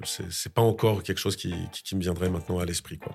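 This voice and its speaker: A man's voice: deep voice, steady tone, fast talker, gravelly, a little mellow, soft background music. Hesitant Frenchman in his thirties. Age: 30s. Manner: hesitant, many fillers and restarts, laughs often. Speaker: guest actor. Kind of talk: casual interview chat.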